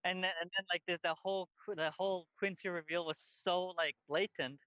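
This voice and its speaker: A man's voice: high voice, steady tone, fairly quick, smooth, no echo, dull audio. A man co-hosting a podcast in casual chat, rambling with lots of fillers and restarts while wearing headphones. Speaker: podcast co-host. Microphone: headphones on, outdoors by a busy street.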